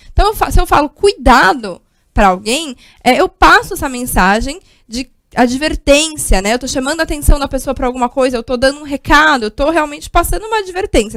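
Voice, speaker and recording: Brazilian female teacher, high-pitched, patient and explanatory, close dry voice-over. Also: a bit bright, no room sound. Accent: Brazilian Portuguese. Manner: explanatory, checks in with frequent "né?" and "tá?". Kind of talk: recorded online grammar lesson.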